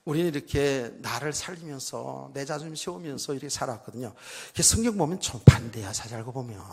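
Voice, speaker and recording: A man's voice: medium pitch, expressive, quick pace, vocal fry, husky. A middle-aged male pastor preaching a conversational sermon, acting out quoted voices. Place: church sanctuary. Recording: long hall reverb.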